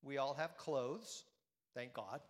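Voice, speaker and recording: A man's voice: mid-range voice, takes it slowly, in a large hall. A man giving a conversational sermon to a congregation, often repeating phrases and asking them questions. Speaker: priest. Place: church.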